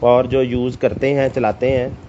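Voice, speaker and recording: A man with a Pakistani Punjabi accent giving an informal live sales pitch, enthusiastic and repetitive like a teleshopping seller. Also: level tone, moderate pace. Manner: enthusiastic, repetitive teleshopping-style hawking with catchphrases. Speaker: live online seller of assorted stock. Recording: dull lo-fi audio with clear background noise.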